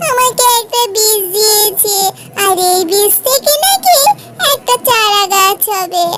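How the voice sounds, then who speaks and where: A woman voicing an eager, pouting little village girl in a cartoon, excitable and childlike. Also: very high-pitched, unhurried, soft background music, heavily acted. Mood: gleeful.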